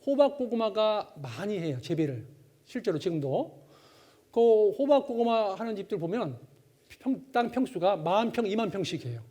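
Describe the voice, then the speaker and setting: High-voiced animated preacher man. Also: normal speed. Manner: animated, acts out the people in his stories. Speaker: Bible lecturer. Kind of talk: sermon with storytelling.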